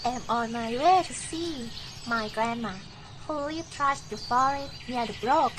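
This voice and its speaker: A woman's voice: fairly high pitch, a little slow, background noise, lightly acted. A woman playing an innocent little girl in an amateur storybook play. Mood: cheerful, innocent.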